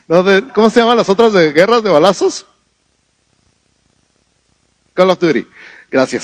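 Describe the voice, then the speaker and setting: A male pastor delivers a sermon in a lively, conversational way, often asking his listeners questions. His voice sits a little higher than most men's, and the sound is dry and close. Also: dry recording. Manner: conversational, asks the congregation questions.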